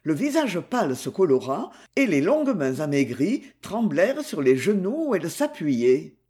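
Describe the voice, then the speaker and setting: A reader narrating a novel aloud, expressive and varied in pitch. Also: moderate pace. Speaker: audiobook reader.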